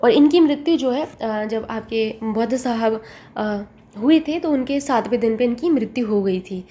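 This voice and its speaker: Speaking close to the mic, a woman leads an exam-prep lesson in a warm, mellow voice pitched fairly high. She takes her time, posing a brief question, answering it herself, and repeating the key word so it stays in memory.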